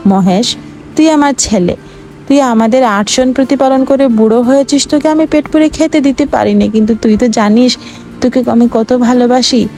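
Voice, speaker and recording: A woman's voice: on the high side, normal speed, mellow, soft background music, close to an everyday voice. A woman voicing a pleading, sorrowful poor farmer. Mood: tender sorrowful. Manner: pleading and tender. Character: poor, gentle, sorrowful farmer man, middle-aged.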